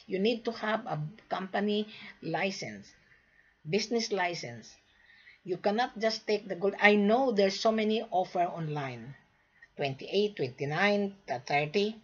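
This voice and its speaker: A Philippine-born woman pitches gold to traders directly to camera, lecturing with emphasis and repeating her points. Her medium-pitched voice has a breathy edge, and the recording's highs are cut off.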